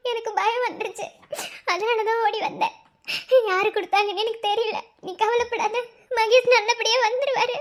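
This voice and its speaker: A woman's voice: very high voice, flat delivery, normal speed. A woman voicing a young pregnant wife in a cartoon, anxious and tender, with a Madurai Tamil accent. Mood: tearful. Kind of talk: cartoon voice acting.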